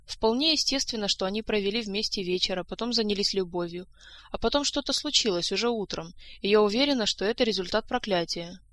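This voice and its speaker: A sincere young woman who explains things earnestly, put on by a woman reader. The voice sits a little above the reader's usual pitch. She sounds gentle and open. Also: quick pace, natural voice.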